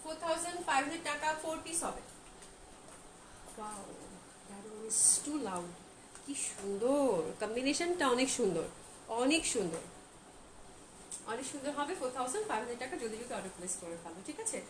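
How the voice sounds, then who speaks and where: Her voice is high and her intonation lively as she talks fairly quickly, pausing often, during a live-stream product showcase. The woman sells clothes online, gushing over each dress with English phrases sprinkled in, while feeling hot in an echoey space with loud noise behind her.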